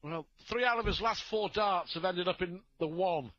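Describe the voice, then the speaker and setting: High, bright-voiced male darts commentator. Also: moderate pace, dull audio. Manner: opinionated, reflective analysis between throws. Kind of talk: live sports commentary.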